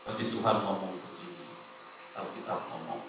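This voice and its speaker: A man preaching a sermon, telling a lively anecdote and speaking directly to the congregation. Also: very deep voice, normal speed, creaky, noisy background. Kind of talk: storytelling sermon. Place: church hall. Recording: echoey church hall, mic from far off.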